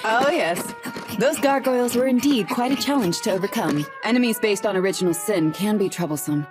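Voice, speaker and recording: A genteel, battle-hungry young princess, played by a woman in an anime dub, formal and courteous, her mid-pitched voice calm and unflappable. Clear music runs underneath. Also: brisk, close to an everyday voice. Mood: amused. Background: background music.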